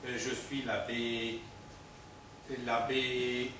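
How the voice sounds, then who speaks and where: An actor playing a nervous ex-convict posing as a priest, hesitant and stammering. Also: male voice, mid-range voice, flat delivery, very slow, bright, forceful tone, distant mic. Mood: bumbling. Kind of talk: stage comedy acting. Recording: echoey stage heard from afar, noise.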